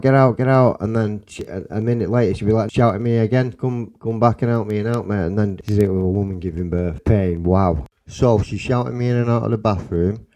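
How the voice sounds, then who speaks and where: A young man with a Salford accent telling a personal story in a rambling, excitable way, swearing and restarting often. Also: deep voice, rough recording. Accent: Salford English. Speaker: storyteller guest.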